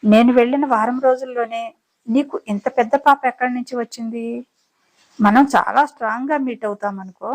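A woman's voice: fairly high pitch, fairly quick, natural voice, low-quality recording. A woman voicing a drunk, crude, pushy young man in a dramatized audiobook story, wheedling at first and then mocking. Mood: sneering.

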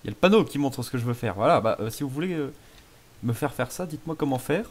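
A man's voice: medium pitch, expressive, fast talker, a little mellow. A man casually commentating a video game, playful and self-mocking as he chats with viewers. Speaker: gaming YouTuber. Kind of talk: casual let's play commentary.

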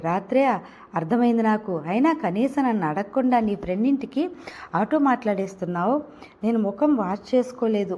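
A woman voicing an assertive young woman student who fires back quick comebacks in an audio novel. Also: fairly high pitch, mellow.

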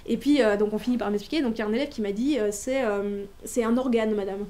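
A woman's voice: medium pitch, fast, mellow. A woman gives an informal talk as an author presenting a workshop, chatty and hesitant, with frequent restarts and filler sounds. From Belgium.

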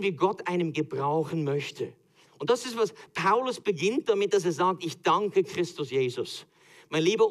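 A man with a Swiss German accent preaching a sermon as pastor, telling stories animatedly and acting out quotes with laughter. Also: a little high.

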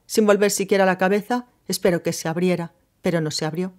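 A woman narrating a novel in a measured, steady reading voice. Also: lowish voice. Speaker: audiobook narrator.

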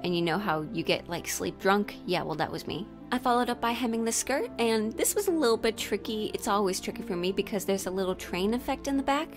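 A young woman speaks in a casual vlog style, as a sewing hobbyist addressing viewers. Her pitch is medium, and faint music plays behind her. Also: expressive, a little fast, few pauses. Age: young adult. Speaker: sewing vlogger. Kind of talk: casual vlog narration and chat.

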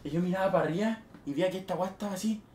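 A young man with a Chilean accent, a streamer telling a party story in casual, swear-laden speech with loud bursts. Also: high voice, very fast, slight background noise. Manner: animated, swears freely, with sudden loud bursts. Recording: roomy echo.

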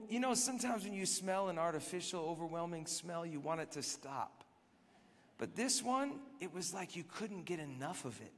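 A man's voice: fairly high pitch, a bit bright. A man leading worship, telling a story in a conversational, reflective way, often dropping to a near whisper. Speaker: worship leader. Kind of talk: sermon-style storytelling. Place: live worship gathering. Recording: long reverb in a large hall.

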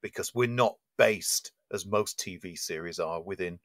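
A man's voice: low voice, normal speed, a bit bright, no room sound, clean studio sound. A man co-hosting a film podcast, talking things through in a thoughtful way and sometimes repeating words. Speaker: podcast co-host. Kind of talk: casual film chat.

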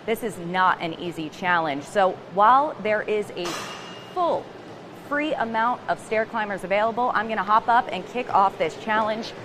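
A woman's voice: medium pitch, normal speed, hardly any pauses. A young woman giving a live television news report from inside a large gym. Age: young adult. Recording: clear gym machine noise behind.

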